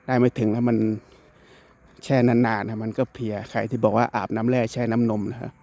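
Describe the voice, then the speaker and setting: A man's voice: mid-range voice, flat delivery, brisk, a little mellow. A young man from northeastern Thailand with an Isan accent, narrating a casual, rambling travel vlog outdoors into his phone. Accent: Isan Thai. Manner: rambling, self-correcting, chatty. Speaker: vlogger. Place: outdoors and driving around the countryside. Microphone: phone held by the speaker.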